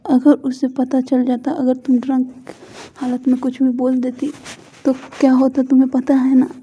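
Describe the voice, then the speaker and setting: A woman's voice: high voice, monotone, moderate pace, breathy edge. A woman voicing a stern, domineering middle-aged father who scolds harshly, in a dull lo-fi recording. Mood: angry.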